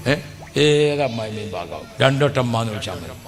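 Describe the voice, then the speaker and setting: A man's voice: mid-range voice, expressive, quick pace, long reverb tail, soft background music. A man, an Islamic preacher giving a humorous sermon, emphatic, repeating phrases and asking the audience questions.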